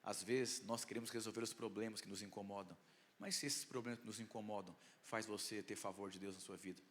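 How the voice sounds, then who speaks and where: A Brazilian man preaching a sermon with personal testimony as a pastor, with slightly tongue-tied articulation and an emphatic delivery full of dramatic pauses and swells. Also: lowish voice, steady tone, fairly bright tone. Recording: echoey hall with long reverb.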